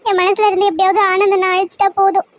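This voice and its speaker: A woman plays a weepy, heartbroken young woman in a cartoon serial. The voice sits very high and thin, close to a child's. She pleads to be left alone. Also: level tone, fast, no room sound. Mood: bitter. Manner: tearful, pleading.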